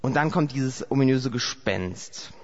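A man's voice: mid-range voice, measured pace, darkish tone. A man from Saarland preaching a sermon, telling the story vividly and asking repeated rhetorical questions, in a dull lo-fi recording. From Saarland, Germany.

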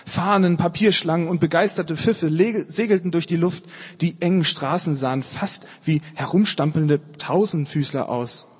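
A man narrating a story aloud in an expressive audiobook reading, with a dry, amused tone. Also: fairly high pitch, normal speed, husky, in a large hall.

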